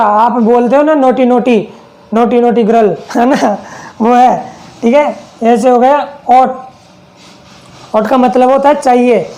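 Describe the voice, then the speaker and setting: A man's voice: very high-pitched, mellow, low-quality recording. A man teaching an English lesson with a Hindi accent, repeating points and asking rhetorical questions to check understanding. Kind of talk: classroom lesson.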